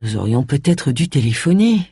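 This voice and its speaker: A proud retired police inspector from an audiobook, stiff and indignant, as a woman reader puts him on. The voice stays close to the reader's own, a little husky and dry, with lively pitch. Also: normal speed, dry recording, full character voice.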